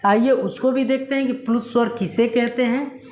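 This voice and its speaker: A male Hindi teacher giving a classroom lesson at a board. He dictates slowly word by word, repeats points and keeps checking that students follow. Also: extremely high pitch, fairly even intonation, darkish tone, roomy sound. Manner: checks understanding with frequent questions.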